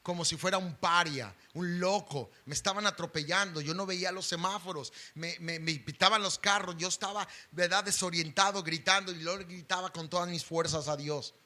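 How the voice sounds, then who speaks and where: A middle-aged male pastor, preaching an impassioned sermon that swings from loud pleading to hushed intensity. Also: sits high, fairly even intonation, moderate pace, few pauses.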